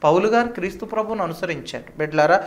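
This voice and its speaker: A man preaching a sermon as a pastor, fervent, rising to loud declamation as he addresses listeners as children. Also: fairly high pitch, normal speed.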